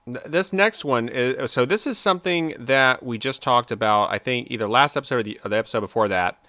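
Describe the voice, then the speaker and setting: A man chats on a podcast in a lively, opinionated, joking manner. His voice is bright and forceful. The sound is dry and close, with no room behind it. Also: medium pitch, fairly quick, no room sound. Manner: animated, opinionated, playful. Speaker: podcast co-host. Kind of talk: casual chat. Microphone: remote video call.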